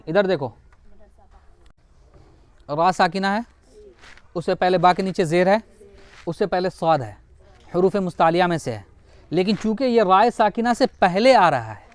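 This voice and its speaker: Man, reading teacher, clear smooth voice, slow syllable-by-syllable drilling, patient repetition. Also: high voice, dry recording. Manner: spells syllables slowly, repeating and correcting. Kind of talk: recitation lesson.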